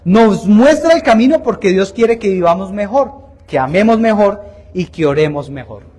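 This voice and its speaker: A man's voice: sits high, expressive, moderate pace, mellow, husky. A man preaching a Sunday homily in a church, emphatic and repetitive, asking the congregation direct questions and joking about himself. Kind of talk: Sunday sermon.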